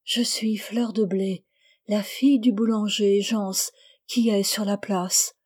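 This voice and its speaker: A woman voicing a fragile little girl. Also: fairly high pitch. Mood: dreamy. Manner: slow, hushed, dreamy.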